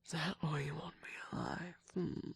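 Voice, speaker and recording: A woman voicing a scheming, manipulative male cookie trickster in an ASMR roleplay, with a breathy whisper and a sly, taunting manner. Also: low voice, steady tone, normal speed, no room sound, exaggerated voice. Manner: taunting, sly, laughs often.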